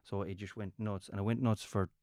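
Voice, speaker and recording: A man's voice: lowish voice, flat delivery, darkish tone, no echo, clean studio sound. A man from County Mayo with a west of Ireland accent, telling stories casually as an interview guest and often restarting his phrases. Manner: halting, repeats words and restarts phrases often. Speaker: interview guest, comedian and entertainer. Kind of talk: casual conversational storytelling.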